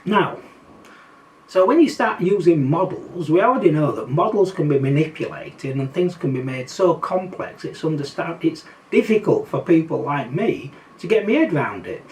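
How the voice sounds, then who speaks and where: A man's voice: fairly high pitch, sing-song, normal speed, a little mellow. An older man with a Yorkshire accent talking casually to his viewers in a wry, skeptical way. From Yorkshire, England. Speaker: political commentary vlogger. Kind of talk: casual monologue to camera. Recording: slightly distant mic, faint background noise.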